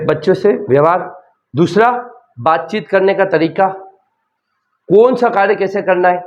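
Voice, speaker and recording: Male lecturer, fairly high voice, chatty exam-prep teaching, dull lo-fi recording. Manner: chatty, asks students questions, colloquial examples.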